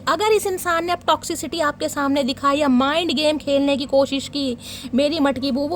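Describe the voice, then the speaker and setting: Chatty high-voiced woman reading tarot. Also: a bit bright, a little hiss or hum. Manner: chatty, teasing, laughs often, chanting invocations while shuffling. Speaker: tarot reader. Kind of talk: casual tarot reading to viewers.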